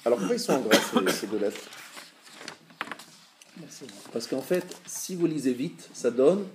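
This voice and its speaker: A man leads a live religious class, explaining patiently, checking with his students, and slowly sounding out words to demonstrate them. His medium-pitched voice is sing-song, with a little hiss or hum.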